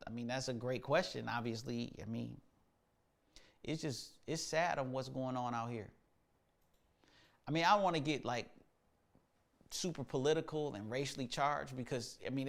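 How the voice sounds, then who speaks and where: A man's voice: mid-range voice, creaky, fairly bright tone. Laid-back slangy male musician host. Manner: laid-back, slangy, thinks aloud with many fillers. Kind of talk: casual livestream talk.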